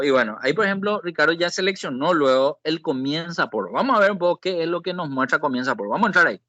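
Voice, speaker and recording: A Paraguayan Excel instructor teaches an online spreadsheet class over a video call, explaining things step by step and frequently checking in with his students. His voice is slightly high, bright and forceful, with no room sound.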